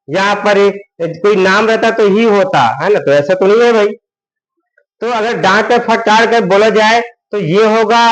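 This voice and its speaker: A man's voice: high-pitched, rough recording. A man teaching English grammar, who keeps asking questions and answering them himself, with a frequent "है ना". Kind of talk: Hindi-medium grammar lesson.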